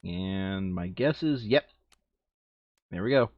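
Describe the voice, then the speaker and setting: A man with a low-pitched voice and lively intonation talks slowly as he sorts cards for a board game he's hosting on video. Casual and thinking out loud, he frequently corrects himself; the audio is dull, with no echo.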